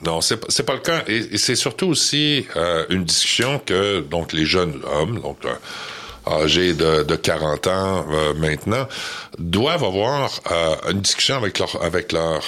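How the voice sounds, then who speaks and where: A man, a guest on a radio interview, speaking hesitantly with many pauses and restarts. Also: low voice, animated, pushed and bright. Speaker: charity event organizer guest.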